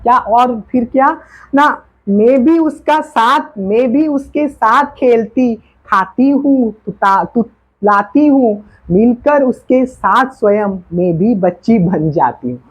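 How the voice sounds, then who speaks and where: A woman teacher slowly explaining poetry lines to students, repeating words and their meanings. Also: fairly high pitch, expressive, breathy edge. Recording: dull lo-fi classroom recording.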